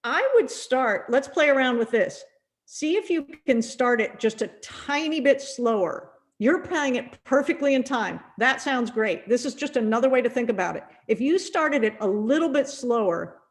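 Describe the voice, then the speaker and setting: A middle-aged woman teaching a percussion masterclass, gently encouraging and often repeating words as she thinks aloud. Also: fairly high pitch, lively intonation, moderate pace.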